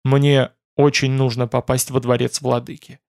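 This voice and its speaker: A man's voice: medium pitch, flat delivery, normal speed, creaky, a little mellow, dry recording, studio quality, natural voice. A man voicing a wry, easygoing young man who jokes and teases in an audiobook. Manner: joking, mildly sarcastic.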